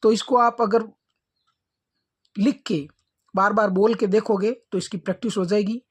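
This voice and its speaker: A woman's voice: mid-range voice, steady tone, normal speed, slightly rough. A woman teacher with an Indian English accent giving a lesson, spelling English words letter by letter and then saying each one.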